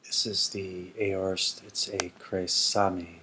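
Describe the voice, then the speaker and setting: A man's voice: deep voice, little pitch movement, takes it slowly, pushed and bright, a little hiss or hum. A man teaching ancient Greek grammar, speaking carefully and repeating words to model their pronunciation, with frequent ums and restarts. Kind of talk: explanatory grammar lesson.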